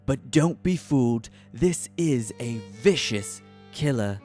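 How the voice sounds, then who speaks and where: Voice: medium pitch, lively intonation, takes it slowly, a little mellow. A narrator delivering a scripted mock nature documentary in a solemn, dramatic manner. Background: background music.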